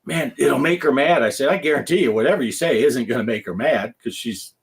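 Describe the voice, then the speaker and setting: Fairly quick and gravelly with a breathy edge, this medium-pitched voice belongs to a man in his fifties who hosts a laid-back gaming podcast. He's a chatty storyteller who laughs a lot and performs the lines he quotes.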